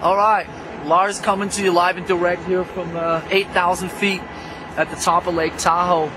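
A laid-back man rambles to a close-held camera out on a windy ski slope, his voice fairly high for a man and full of "uh"s and jokes. Outdoor ambient noise is clearly heard behind him. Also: flat delivery, moderate pace. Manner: loose, joking, lots of filler. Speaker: vlog host. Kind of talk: casual on-camera chat. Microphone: handheld camera held close.

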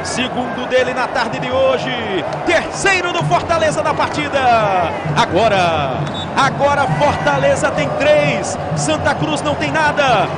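A Brazilian man calls a football match in a very high, excited pitch. His delivery is slow and stretched, with shouted calls over a loud roaring crowd. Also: loud music behind the voice. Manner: shouted, drawn-out goal calls. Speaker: football commentator. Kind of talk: excited live match commentary. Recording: loud stadium crowd noise behind.

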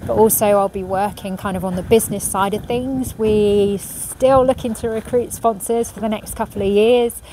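Outdoors on a marina pontoon beside a racing yacht, a middle-aged woman sailor answers viewer questions quietly and thoughtfully at normal speed, with few pauses but many ums. Her mid-range voice has fairly even intonation. Filmed by a hand-held phone at medium distance, the poor audio carries clear marina ambience and passing vehicles.

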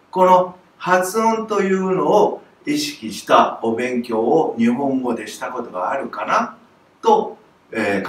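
Older male music teacher, fairly high voice, animated delivery, roomy distant sound with light noise. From Japan. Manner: animated, demonstrates sounds with strong breath. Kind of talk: lesson to camera. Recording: roomy echo, voice from off the mic, faint noise.

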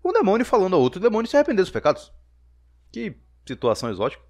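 A man's voice: high-pitched, huge pitch swings, rapid-fire, darkish tone. A Brazilian man giving sarcastic, exasperated scripted commentary on a video game. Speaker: video game critic and narrator.

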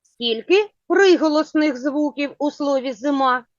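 Woman teacher, children's lesson, slow and patient, dry close sound. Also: high-pitched, dry recording. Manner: slow, clear, patient questioning. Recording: dull lo-fi sound.

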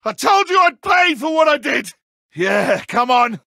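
A man playing a petulant, theatrical video game villain stripped of his godlike powers, with a raspy, strained, melodramatic delivery. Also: very high voice, big pitch swings, pushed and bright, no echo, shouting, studio quality, full character voice. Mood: defiant shouting. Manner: melodramatic, drawn-out, emphatic. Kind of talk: dramatic animated game acting.

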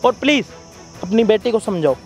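A man playing a hot-tempered young man who confronts someone in a staged skit, shouting and taunting roughly. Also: sits high, expressive, normal speed, muffled recording, soft background music. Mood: pleading.

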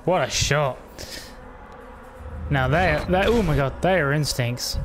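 A man's voice: fairly high pitch, slow, over music. A young man giving cheeky, jokey commentary as a scared horror game streamer, wisecracking through his nerves.

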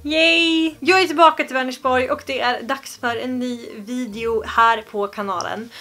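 A woman's voice: on the high side, sharp tone, faint music behind. A young Swedish woman vlogging to camera in a playful, joking way, with exaggerated pronunciations. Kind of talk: casual vlog to camera.

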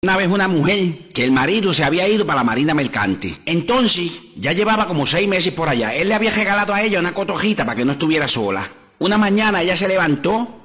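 A man's voice: fairly high pitch, fairly bright tone. A man with a Puerto Rican accent telling jokes, narrating short stories and switching voices for the characters. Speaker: comedian.

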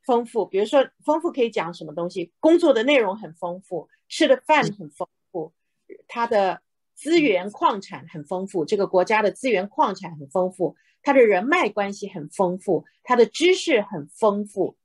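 Woman English tutor, patient drill style, husky voice, dry close recording. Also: mid-range voice, very animated, a little mellow, no room sound, low-quality recording. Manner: patient, repeats words slowly and explains in Chinese. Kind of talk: one-on-one pronunciation lesson.

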